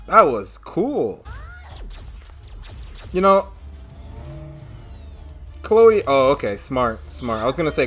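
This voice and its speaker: A woman giving casual, expressive reaction commentary as the host of a video, often exclaiming. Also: extremely low pitch, husky.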